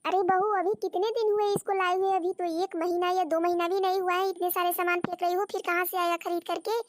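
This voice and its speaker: A fussy old mother-in-law from a cartoon story, forever scolding and calling on God in despair, as a woman voices her. Her voice sits very high and piercing. It is recorded dry, with no room sound. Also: level tone, fast talker, no room sound. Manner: scolding, repeats words, calls on God. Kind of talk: Hindi cartoon story voice acting.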